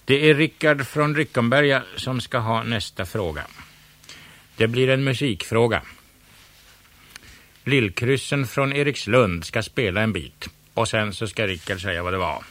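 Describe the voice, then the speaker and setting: Storybook villain: a pompous, snappish male cat hosting a quiz, put on by a male narrator, pitched up and loud. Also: natural voice. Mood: announcing. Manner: loud showy announcing, snapping when crossed.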